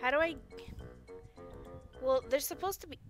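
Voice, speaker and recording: A woman's voice: sits high, moderate pace, faint music behind. A young woman playing a video game, talking to herself in an unsure, muttering way as casual commentary. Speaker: game streamer. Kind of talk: casual let's-play commentary.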